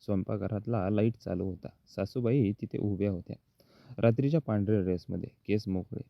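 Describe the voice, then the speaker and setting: A man narrates a first-person story in a measured, steady voice that sits on the low side. The recording is dull and lo-fi, with a dry sound and no room echo. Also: creaky.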